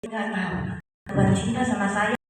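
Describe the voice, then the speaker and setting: A woman's voice: mid-range voice, fairly even intonation, moderate pace, slight background noise. A middle-aged woman preaching her testimony in a church hall, storytelling with emotion and voicing the people in her story. Her voice rings through a large room with long reverb and comes from some distance off the mic. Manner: emotional storytelling, acting out quoted cries. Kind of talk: sermon testimony.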